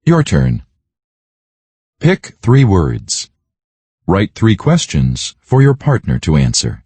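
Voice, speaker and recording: A man's voice: low voice, huge pitch swings, slow pace, a little mellow, husky, dry recording. A man reading a children's story aloud as a scripted narration. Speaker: audiobook narrator.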